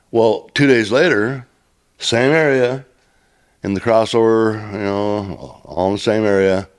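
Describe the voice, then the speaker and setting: A former railroad track worker telling a story casually, swearing often, laughing and restarting his sentences. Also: deep voice. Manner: profane, laughing, rambling with restarts.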